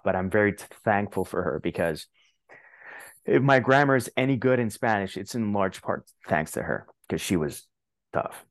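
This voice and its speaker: In a dry recording, a deep-voiced man from Puerto Rico, a translator and author, tells lively stories in his Puerto Rican accent during a conversational podcast interview. He often starts over mid-thought as he talks.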